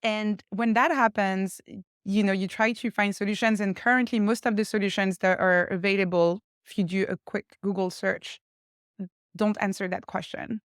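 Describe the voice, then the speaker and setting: A young woman with a French accent talks as a podcast guest, thoughtful and easygoing, breaking into laughter now and then. Her voice comes through smooth and clear, recorded close and dry with no room sound. She sits at a middle pitch for a woman. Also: steady tone, moderate pace, dry recording. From France. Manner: reflective, laughs easily. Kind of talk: casual conversation.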